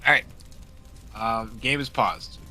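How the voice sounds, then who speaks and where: A man's voice: fairly low pitch, slow, bright, forceful tone. A man playing in a tabletop role-playing game, talking casually and good-naturedly. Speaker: player. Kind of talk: casual tabletop gaming chat.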